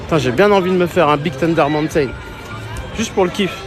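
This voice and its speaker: With crowd noise and park music behind him, a man hosts a casual live vlog at an outdoor theme park using his phone. He speaks briskly in a slightly high voice, chatting in slang and swearing at times.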